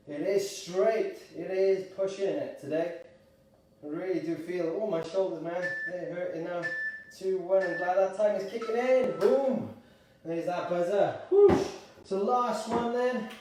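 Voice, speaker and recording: A Welsh man leading a live gentle exercise class, chatty and encouraging, slightly out of breath as he works out. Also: high voice, background noise. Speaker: exercise instructor. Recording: echoey room, mic at a distance.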